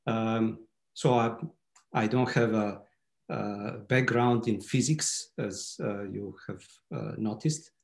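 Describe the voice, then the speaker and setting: A man's voice: fairly low pitch, takes it slowly, vocal fry, darkish tone. A man in his forties from Serbia, a native Serbian speaker, giving a webinar talk over a video call with many hesitant fillers. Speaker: guest speaker. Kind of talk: webinar presentation. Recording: roomy echo.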